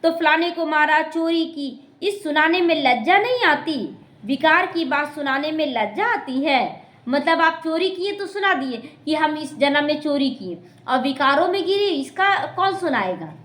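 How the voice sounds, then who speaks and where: A woman's voice: high voice, animated, moderate pace, fairly bright tone. A woman, a spiritual teacher explaining scripture to a class, repeating her points and speaking straight to her listeners. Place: meditation class hall. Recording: echoey room.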